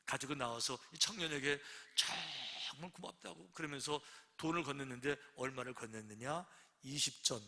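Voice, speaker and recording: In a reverberant church sanctuary, a pastor preaches a sermon built on stories, acting out the voices of the characters. His mid-range voice is bright and forceful, delivered at a moderate pace.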